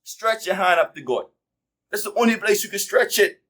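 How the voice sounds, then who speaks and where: A man's voice: high-pitched, expressive, normal speed, a bit bright. A man preaching a fiery sermon full of rhetorical questions and plain, casual speech.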